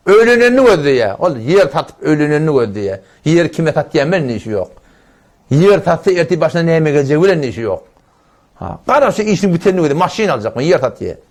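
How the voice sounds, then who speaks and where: A man preaches in a live religious lecture with a high-pitched, strongly swinging voice. He exhorts his audience emphatically and hammers points home by repeating phrases. He works quoted Arabic scripture into his talk. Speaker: Islamic preacher.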